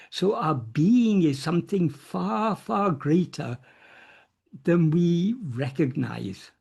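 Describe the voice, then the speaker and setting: A man with a high-sitting, warm, slightly rough voice and vocal fry gives an unscripted philosophical talk in an online meeting. As a spiritual teacher answering questions, he speaks earnestly, restarting and repeating phrases and leaning on key words.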